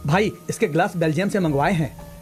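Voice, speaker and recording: A man's voice: fairly high pitch, fairly quick, faint music behind, natural voice. An actor playing an eager, fawning male henchman in dubbed film dialogue, showing off a building to his boss.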